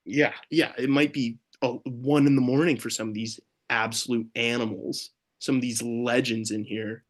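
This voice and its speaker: A young man ranting on a late-night sports podcast, exasperated and swearing freely. His voice sits at an ordinary middle pitch and he talks in a loose, casual chat style. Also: fairly even intonation, moderate pace. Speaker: podcast co-host.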